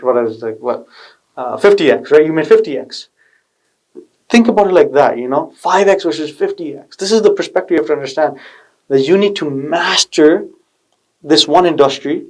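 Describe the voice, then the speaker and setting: A man's voice: a little high, rough recording. A man hosting a video channel, giving a casual motivational explainer in a slangy, pushy tech-bro manner. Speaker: video channel host giving investment advice.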